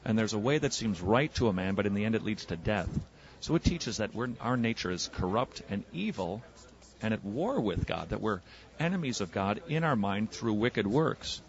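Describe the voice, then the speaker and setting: A man debating religion on the street as an evangelist and radio host, pressing with quick probing questions. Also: on the low side, lively intonation, muffled recording. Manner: probing, rapid-fire questioning. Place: outdoors on a city street.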